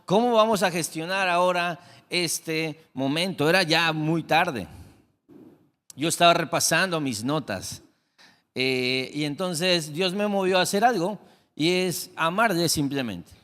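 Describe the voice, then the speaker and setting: A middle-aged man preaching a sermon as pastor, telling a family story, acting out the dialogue and dropping into soft, reflective tones. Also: fairly high pitch, a little slow. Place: church sanctuary. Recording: long hall reverb.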